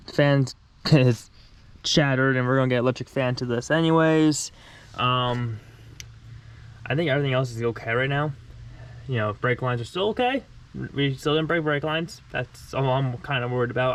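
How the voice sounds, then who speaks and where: Still congested from an illness, this man talks informally while stripping down his crashed race car for his vlog, wandering off topic and correcting himself mid-task. His voice is medium-pitched at a normal speed, with a little hiss or hum in the audio.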